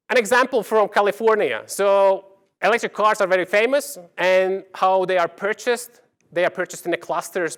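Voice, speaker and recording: Man, somewhat high pitch, keynote speaker in front of an audience, emphatic key words, halting phrasing. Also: a bit bright. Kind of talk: conference keynote presentation with slides.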